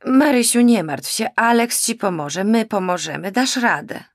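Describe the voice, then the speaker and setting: A woman voicing a worried, fussy middle-aged mother in an audiobook, soothing and slow. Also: on the high side, animated, no room sound, clean studio sound, voice pushed up. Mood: soothing anxious. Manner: fussing, soothing, slow emphatic. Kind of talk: audiobook character voice.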